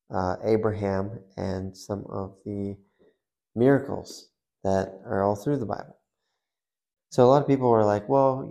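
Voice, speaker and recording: A man's voice: on the low side, vocal fry, dark tone. A man hosting his own faith podcast, talking loosely and conversationally through hypotheticals. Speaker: podcast host. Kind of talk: casual faith podcast monologue.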